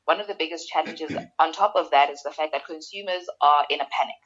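A woman's voice: low voice, fast talker, fairly bright tone, breathy edge. A woman answering interview questions conversationally as a podcast guest. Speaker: guest, social media manager. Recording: dull lo-fi remote call audio.

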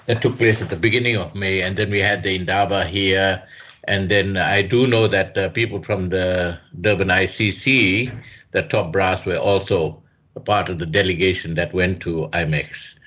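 A man co-hosting a radio talk show, speaking in a measured, hesitant way with many fillers. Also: sits low, steady tone, a bit bright. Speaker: radio co-host. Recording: dull lo-fi radio sound.

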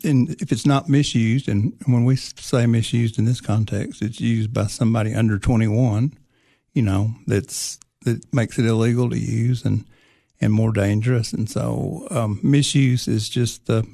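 A man from Tennessee speaks as a podcast guest and explains things in a measured way. His voice is gravelly and mellow. The sound is dry, with no room echo. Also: medium pitch, fairly even intonation. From Tennessee, United States. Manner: measured, explanatory, with frequent fillers and restarts. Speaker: guest, prevention coalition leader. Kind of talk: conversational interview.

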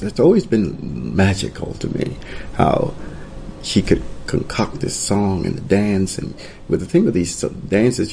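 A man's voice: low-pitched, gravelly, mellow, a little hiss or hum. A middle-aged man from Costa Rica, a guest in an interview, telling his life story in a thoughtful way with frequent restarts. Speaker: guest, entrepreneur and author. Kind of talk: reflective interview talk.

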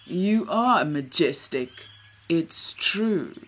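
A woman voicing a wise old male eagle owl in a storybook reading, speaking slowly in a low, hushed and knowing way. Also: expressive, full character voice.

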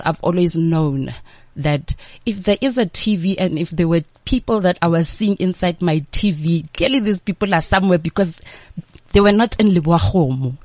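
A woman's voice: lowish voice, a little mellow, dry recording. A South African woman giving chatty, informal interview answers, occasionally mixing in local-language words. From Limpopo, South Africa. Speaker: interview guest, entertainment entrepreneur and MC.

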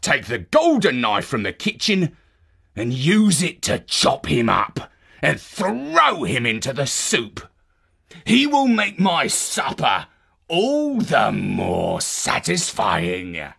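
A man reading a storybook aloud and voicing a cruel giant master, slow and commanding. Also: medium pitch, huge pitch swings, creaky, sharp tone, breathy edge, exaggerated voice. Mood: menacing. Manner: slow, drawn-out, bossy.

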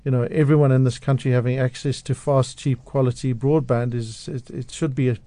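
A South African media analyst appears as a guest on a radio show, speaking outspokenly and passionately and often restarting his sentences. He talks fairly quickly in a mid-range, dark-toned voice with a steady delivery. The studio microphone picks up no room sound.

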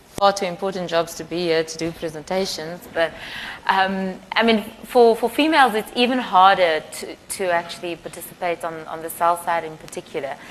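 A woman's voice: fairly low pitch, rough recording. A woman moderating a panel discussion in a conversational, explanatory way. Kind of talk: semi-scripted panel moderation. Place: live panel event. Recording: clear background noise, live event.

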